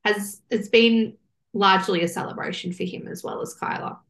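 A woman in her thirties co-hosting a casual chat show. She tells stories candidly and at length, and her voice has a gravelly, fry-touched texture. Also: mid-range voice, fairly even intonation, normal speed, fairly bright tone. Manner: candid, rambling storytelling. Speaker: podcast co-host.

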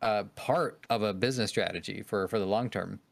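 Low-voiced man reasoning calmly. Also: vocal fry. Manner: measured, articulate reasoning. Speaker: podcast co-host. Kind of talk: casual chat.

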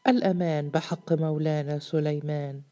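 Anxious, pleading storybook police chief, read by a woman, low and mellow. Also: fairly even intonation, moderate pace, close to an everyday voice. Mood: hopeful. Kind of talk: storybook reading.

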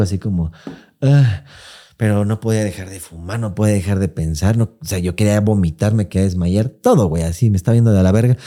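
Young Mexican podcast host, low-pitched and mellow, swears freely while telling a story. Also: male voice. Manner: profane, slangy storytelling with many filler words. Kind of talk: casual podcast chat.

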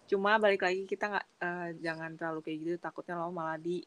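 A woman's voice: fairly low pitch, fairly even intonation, fast. A young woman with a Jakarta accent co-hosts a casual podcast, speaking in everyday Jakarta slang. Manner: colloquial Jakarta slang with lo and gue. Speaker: podcast co-host.

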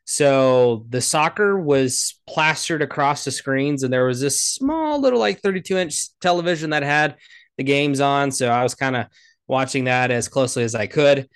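A man with a raspy, slightly hoarse voice chatting casually as a sports podcast co-host, telling stories in an informal way. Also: medium pitch, normal speed. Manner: informal, conversational storytelling. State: hoarse after vacation.

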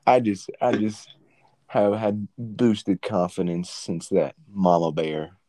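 A man telling a funny story on a comedy talk show in a slow, laid-back way. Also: fairly low pitch, flat delivery, mellow, no room sound. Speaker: podcast co-host.

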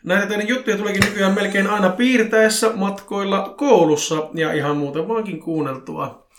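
A man's voice: high voice, fairly bright tone, slight background noise. A man co-hosting a casual podcast, chatting and reading listener emails aloud with a dry, teasing manner. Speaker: podcast co-host. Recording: roomy echo.

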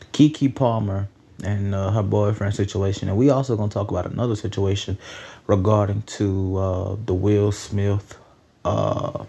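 A man's voice: low voice, gravelly, dark tone, slightly rough. A nineteen-year-old man hosting a solo podcast, rambling in a loose, profane, conversational way. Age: late teens. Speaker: podcast host.

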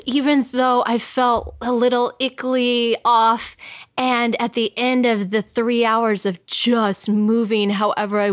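Higher-pitched American woman hosting, dry sound. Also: no echo. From United States. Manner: flirty, effusive, uses endearments. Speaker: podcast host, sex expert. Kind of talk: casual, chatty podcast hosting.

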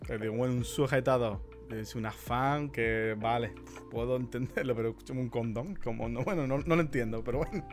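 A man hosting a podcast from Spain, laughing often and telling stories in an animated, eager way. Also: mid-range voice, moderate pace, faint music behind. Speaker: podcast host. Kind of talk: casual podcast chat.

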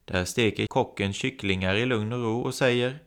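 A man's voice: mid-range voice, fairly bright tone, clear, resonant tone. A man preaching a sermon, telling stories and acting out the voices in them. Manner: storytelling, acting out quoted voices.

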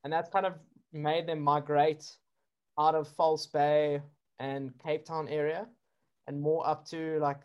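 In a laid-back, chatty interview full of fillers and laughs, a drone-filming surfer from South Africa talks with a slightly high, smooth voice at a measured pace. The audio comes across dull.

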